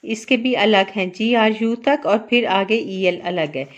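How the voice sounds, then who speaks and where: A woman teacher with a Pakistani accent, explaining a lesson slowly and counting out syllables with care. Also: mid-range voice. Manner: slow, careful, spells out syllables and counts aloud. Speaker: English teacher. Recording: dull lo-fi sound.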